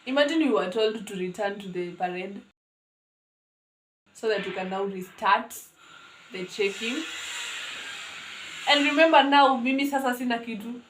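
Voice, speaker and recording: A young Kenyan woman recounts a school mishap for her vlog audience with plenty of drama and animation. Her voice sits a touch high, and a roomy echo with faint ambience surrounds it. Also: moderate pace, pauses often, slight background noise. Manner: animated, dramatic, code-switching. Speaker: vlogger. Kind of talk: storytime vlog.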